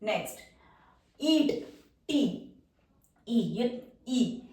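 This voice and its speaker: A woman's voice: fairly high pitch, animated, drawn-out words, darkish tone. A woman teaching shorthand at a whiteboard, patiently walking through each example and answering her own questions. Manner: patient, repeats key terms, asks and answers own questions. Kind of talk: whiteboard lesson explaining step by step. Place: room with a whiteboard. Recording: echoey room, far from the mic.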